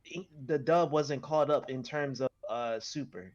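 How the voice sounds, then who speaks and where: A man's voice: mid-range voice, measured pace, lo-fi sound. A man co-hosting a podcast in casual, slangy conversation about anime. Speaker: podcast co-host.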